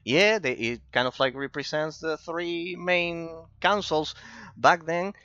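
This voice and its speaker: A man's voice: a little high, a little slow, pushed and bright, clear, resonant tone, no room sound, muffled recording. An Argentine man and native Spanish speaker, chatting casually while streaming a game, with an accent, repeating himself and laughing often. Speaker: gaming streamer. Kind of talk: casual chat over gameplay.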